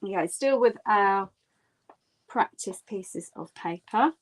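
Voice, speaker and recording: Casting: female art instructor, mid-range voice, gentle and encouraging, informal step-by-step demonstration delivery. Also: medium pitch, slow. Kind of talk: casual step-by-step painting demonstration. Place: indoors at a tabletop.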